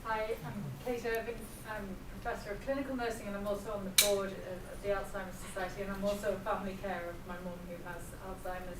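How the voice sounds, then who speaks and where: A woman's voice: medium pitch, steady tone, quick pace, hardly any pauses. A woman making an emphatic comment from the floor at a public meeting. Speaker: nursing professor and carer. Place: hotel function room at a public event. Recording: echoey room, distant mic, clear noise.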